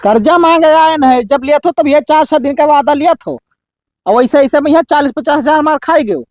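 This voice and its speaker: A man's voice: very high voice, brisk, darkish tone, no echo, highs cut off. A man playing an insistent village moneylender in a comedy sketch, nagging and arguing with an Awadhi accent. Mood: demanding, nagging. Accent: Awadhi, eastern Uttar Pradesh. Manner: nagging, argumentative.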